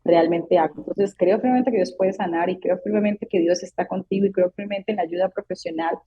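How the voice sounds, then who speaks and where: A woman's voice: fairly low pitch, brisk, slightly rough, highs cut off. A woman in her thirties, a psychologist guest in an interview, earnestly telling her own story and acting out the voices she quotes. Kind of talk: personal testimony in a podcast interview.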